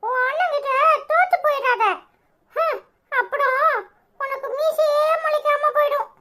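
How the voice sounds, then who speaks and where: Casting: someone playing a cheeky cartoon grandson, Tirunelveli accent, very high, unhurried. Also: bright, forceful tone, full character voice. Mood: teasing. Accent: Tirunelveli Tamil. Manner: teasing, mischievous. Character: cheeky young grandson, playful and teasing. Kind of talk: cartoon voice acting.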